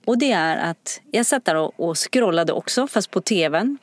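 A woman's voice: lowish voice, animated, no echo. A woman chatting casually as a podcast co-host, earnest and emphatic in how she talks. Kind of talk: casual chat.

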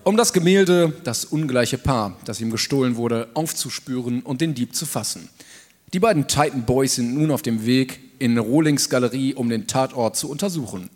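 A man's voice: medium pitch, moderate pace. A man hosting a live podcast, reading a comedy story aloud with jokey asides. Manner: animated, jokey narration with asides. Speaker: podcast host and narrator. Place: live stage show. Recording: live stage with hall reverb.

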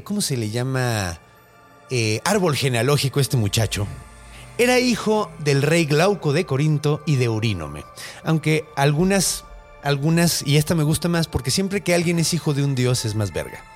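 A Mexican man with a fairly high, very lively voice retells an old myth with slang and jokes. He laughs often and keeps the chat loose. Soft music plays faintly behind him. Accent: Mexican Spanish. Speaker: podcast host.

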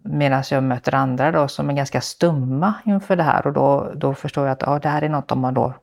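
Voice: medium pitch, creaky. A podcast host speaking reflectively with a guest, thoughtful and hedging, with many fillers. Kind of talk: reflective interview conversation.

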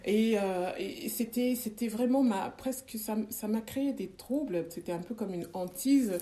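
A woman's voice: mid-range voice, moderate pace, mellow. A woman speaking as a guest in a casual interview, hesitant, with many restarts.

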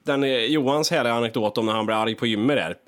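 A man's voice: mid-range voice, fairly bright tone. A man in a casual podcast chat, talking animatedly and swearing freely while he acts out his own grumbling. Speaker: podcast co-host.

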